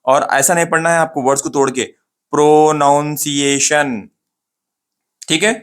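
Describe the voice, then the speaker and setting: Man drilling pronunciation, slow and repetitive. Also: a little high, fairly bright tone. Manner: repeats words slowly to model pronunciation, asks and answers himself. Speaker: English pronunciation teacher. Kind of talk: casual spoken lesson to camera.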